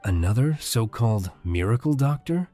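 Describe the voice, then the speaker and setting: Man doing a stern old male tycoon, low voice, mellow tone, commanding, storybook narration. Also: expressive, normal speed, soft background music. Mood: cold. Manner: curt, commanding.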